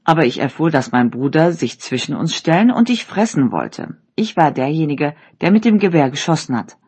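A loyal talking blue bird from a read-aloud fairy tale, voiced by the storyteller. It speaks kindly and with care, in a lively, slightly husky voice. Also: medium pitch, moderate pace. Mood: gentle.

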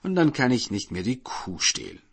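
A man's voice: mid-range voice, sing-song, moderate pace, breathy edge, pitched above the performer's own voice. A man voicing a greedy male thief who bickers with his partner. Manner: stubborn, bickering.

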